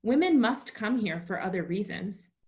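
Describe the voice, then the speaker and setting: A woman reading aloud and voicing an eager, starstruck young small-town woman in a higher, excited voice. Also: normal speed, lightly acted. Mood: protesting.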